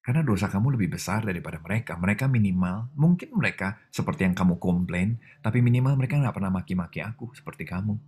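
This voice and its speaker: A man voicing God as a calm, patient father gently reproving his child, with a soft, measured delivery. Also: lowish voice, husky. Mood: firm.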